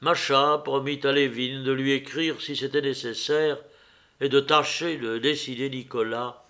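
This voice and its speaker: Slow, measured male audiobook narrator. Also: medium pitch. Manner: measured, even reading. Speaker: audiobook reader.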